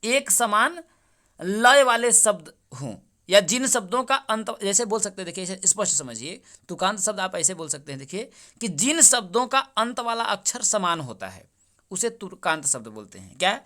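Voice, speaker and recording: A young man with a bright, forceful voice walks through exam answers. He keeps asking each question back, calls his listeners his friends, and then repeats the answer. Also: high voice, very animated, moderate pace. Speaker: exam-prep teacher. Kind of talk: exam paper solution lesson.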